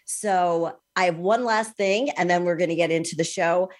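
A woman in her sixties hosts a podcast interview, chatty and enthusiastic, dropping in ums along the way. Her voice is on the low side, at a moderate pace.

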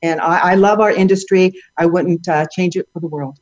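A woman's voice: fairly low pitch, steady tone, moderate pace. A middle-aged woman answering as an interview guest, upbeat and laughing lightly as she talks. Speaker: guest, hair educator. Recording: dull lo-fi audio.

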